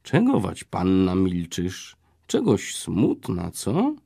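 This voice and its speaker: Man reading as a bold, jovial young cavalier for a storybook, gravelly and low, raised and lively in his coaxing. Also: slow pace, dry recording, studio quality, exaggerated voice. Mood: cheerful coaxing. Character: bold, hearty young cavalier courting a shy girl.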